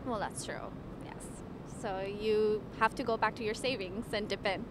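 A woman's voice: mid-range voice, fairly even intonation. Young woman from Ethiopia, street interview. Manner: measured and polite, occasional stammered restarts. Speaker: waitress, interviewee. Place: outdoors on a city street. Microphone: handheld microphone held by interviewer. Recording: street noise outdoors.

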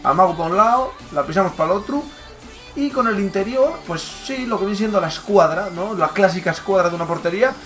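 A man with a Spain Spanish accent giving live football gameplay commentary, excitable and bursting into loud exclamations and swearing. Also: high voice, a little fast, soft background music. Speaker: gaming YouTuber.

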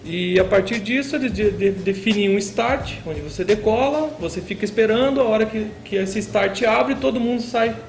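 A young man from Brazil, a paragliding competitor, answering interview questions in a relaxed way with frequent "né" tags. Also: high voice, normal speed, hardly any pauses, roomy sound, a little hiss or hum. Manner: relaxed, explains with many "né" tags. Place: indoor shop room with shelves.

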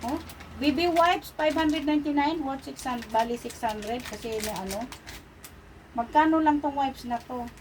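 A Filipino woman with a high-pitched voice talks casually to her online viewers in an unboxing style. Her speech is that of someone missing front teeth. Some background noise sits behind her voice. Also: normal speed, darkish tone, poor audio. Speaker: online vlogger.

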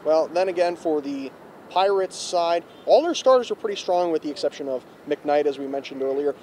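A young man reporting a postgame recap outdoors on a handheld mic, brisk and stat-heavy. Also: a little high, expressive, darkish tone. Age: young adult. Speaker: student sports reporter. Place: outdoors in front of an arena. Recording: faint street noise outdoors.

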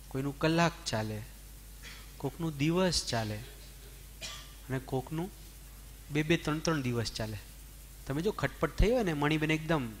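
Brief: male spiritual teacher, lively and questioning, somewhat high voice. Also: a little hiss or hum. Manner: animated, asks the audience questions, mixes English words. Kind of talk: Jain discourse to an audience.

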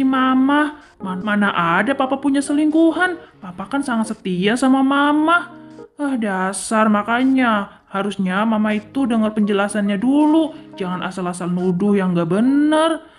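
A woman voicing a gentle young father in a game role-play story, defensive and reproachful. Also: on the high side, measured pace, faint music behind, lightly acted.

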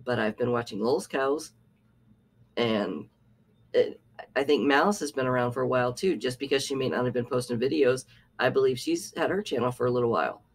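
A man's voice: medium pitch, brisk. A man hosting a reaction commentary, talking in a sarcastic, scolding way. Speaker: commentary channel host.

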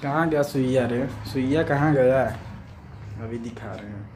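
A man's voice: mid-range voice, moderate pace, slight background noise. A man acting out a comic sketch as a doctor, teasing his patient with brash, coarse banter. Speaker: comedy sketch actor.

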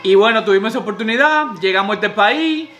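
Bright-toned Dominican man, easygoing. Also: sits high, animated, fast, soft background music. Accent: Dominican Spanish. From Dominican Republic. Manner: easygoing and joking, mixing in English words. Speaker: vlogger, channel co-host. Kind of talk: casual chat. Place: home kitchen, indoors.

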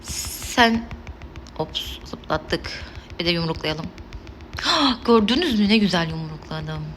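A woman's voice: lowish voice, animated, slow, a bit bright, slight background noise. A young woman streaming a mobile game, chatting casually and exclaiming and laughing at the action. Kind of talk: casual gameplay commentary.

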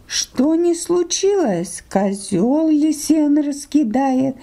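Aggrieved storybook sheep, played by a woman: high, lamenting, very lively intonation. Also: takes it slowly, exaggerated voice. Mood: plaintive. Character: aggrieved female sheep complaining of her master. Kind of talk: storybook character voice in an audio fairy tale.

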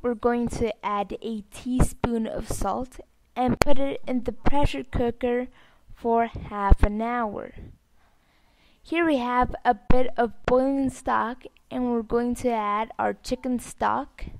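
Slow-paced woman. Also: on the high side, steady tone, creaky, no room sound. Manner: plain step-by-step instructing. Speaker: host of a cooking channel. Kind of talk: recipe narration.

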